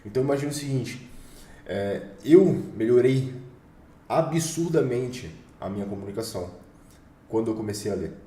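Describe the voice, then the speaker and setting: A man's voice: mid-range voice, fairly even intonation, fairly quick, mellow. Emphatic, slangy young Brazilian man teaching. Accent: Brazilian Portuguese. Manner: emphatic, slangy, sometimes swears. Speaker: online course instructor. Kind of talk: casual motivational lesson. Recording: roomy echo, a bit far from the mic.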